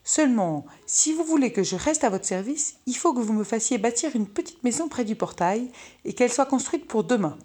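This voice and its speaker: A woman's voice: on the high side, lively intonation, brisk, dark tone, husky. Woman doing a cheeky young farmhand. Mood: confident.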